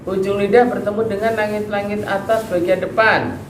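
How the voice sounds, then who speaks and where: In a tahsin class on letter articulation for Quran recitation, a man patiently explains, quizzes his students, and demonstrates sounds. His high voice is flat and moderately paced, recorded in an echoey room with background noise.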